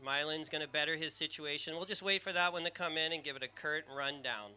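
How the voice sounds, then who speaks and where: A man with a squeaky surfer voice calls a live surf contest, naming riders by their jersey colors. His tone is very bright and cutting, pitched a little above the usual, and he rambles along with eager excitement. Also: quick pace.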